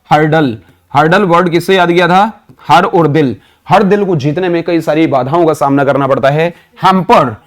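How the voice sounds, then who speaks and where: Quizzing Indian male vocab teacher. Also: fairly high pitch. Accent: Indian English. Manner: quizzing, answers his own questions; mixes Hindi with English phrases. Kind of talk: online vocabulary lesson with mnemonics.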